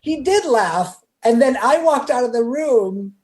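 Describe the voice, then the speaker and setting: A man chats as a guest on a podcast, telling stories in an animated way. He slips in and out of the voices of the people he quotes, with frequent "like" fillers. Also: very high voice, measured pace. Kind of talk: casual storytelling chat.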